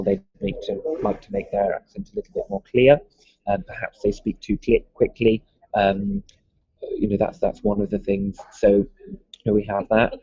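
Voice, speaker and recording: Mild scouse guy, husky and lively, lots of ums, kinda dull lo-fi sound. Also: mid-range voice, dry recording. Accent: Liverpool, mild. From Liverpool, England. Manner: hesitant, many ums and restarts. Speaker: music school owner, interviewee. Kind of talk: casual interview answers.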